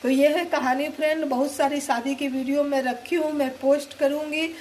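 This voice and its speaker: A woman's voice: sits high, fairly even intonation, moderate pace, darkish tone, a little hiss or hum. A middle-aged woman vlogger with a cold and fever, chatting and telling a rambling story to her viewers as friends. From eastern India. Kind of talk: casual storytelling to camera.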